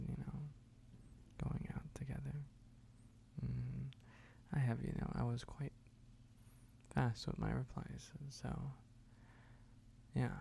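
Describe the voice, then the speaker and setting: A man playing a tender, teasing, sleepy boyfriend in an ASMR role-play, murmuring drowsily in a husky, breathy voice with soft hums and sighs. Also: medium pitch. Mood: fond, drowsy. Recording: faint background noise of rain.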